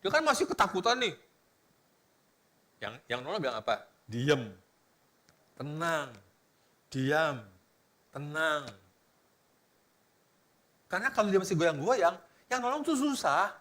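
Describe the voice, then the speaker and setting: A male pastor preaching in a casual, animated way, swinging between loud exclamations and hushed words, and talking straight to the congregation. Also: sits high, a little fast, long pauses. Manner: casual colloquial preaching that addresses the congregation directly. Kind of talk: sermon.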